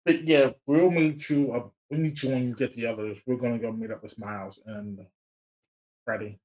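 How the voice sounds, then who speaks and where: A man's voice: mid-range voice, fairly even intonation, normal speed, dull audio. A man playing a tabletop role-playing game, chatting casually as his character and describing his moves.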